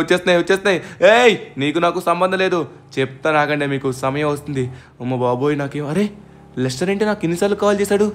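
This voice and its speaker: A man narrating his own game story with excitement, loudly exclaiming and hurling dramatic threats at his foes. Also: fairly high pitch. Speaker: gaming channel narrator and player.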